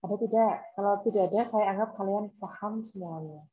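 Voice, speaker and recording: Speaking a little fast in a warm, medium-pitched voice, an Indonesian university lecturer teaches her class online through a laptop video call. Her style is informal, with examples, repetition, and questions for students. The audio is dull and lo-fi.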